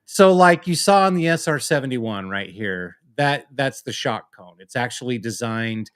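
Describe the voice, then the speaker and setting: A man's voice: medium pitch, lively intonation, moderate pace, a bit bright, clear, resonant tone, no echo. Man casually explaining from notes, dry sound. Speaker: podcast co-host.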